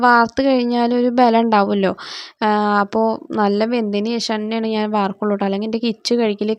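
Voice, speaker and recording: Woman, Malayali accent, slightly hoarse, home cooking vlog, brisk, dry close sound. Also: fairly high pitch, no room sound. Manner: chatty, ends phrases with a soft "tto". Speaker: family vlogger. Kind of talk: narrated morning cooking vlog. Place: home kitchen.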